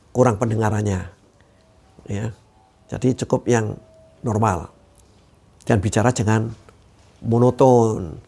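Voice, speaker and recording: A man talking as a communication trainer in an instructional video, walking through his points one by one. His voice has a gravelly, creaky texture at a middle pitch, and he often closes his sentences with a short "ya". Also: darkish tone. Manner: explanatory, often tags sentences with "ya".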